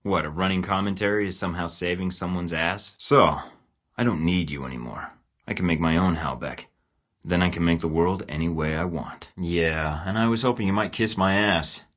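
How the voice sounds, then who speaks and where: In a studio game recording, a young man voices a cocky rogue spy, the secret agent protagonist. His voice sits low and a bit bright, at normal speed, and he delivers his lines in a sarcastic, clipped way.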